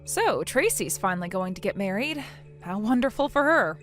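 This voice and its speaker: A woman's voice: medium pitch, sing-song, normal speed, over loud music, lightly acted. A woman playing a weary, sarcastic younger sister in a scripted audio story, speaking in a dry, curt, guarded way.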